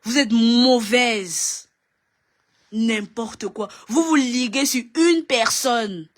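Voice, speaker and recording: A woman's voice: on the high side, very slow. A woman ranting in a video, scolding and mocking with lots of repetition. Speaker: online commentator.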